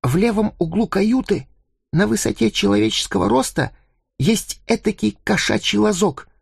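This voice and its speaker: A male narrator voicing a timid, nervous married guard who talks in a hurried, anxious way and drops to a whisper. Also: sits high, vocal fry, husky, dry recording, studio quality, voice pushed up, heavily acted. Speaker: audiobook narrator. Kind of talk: audiobook character voice.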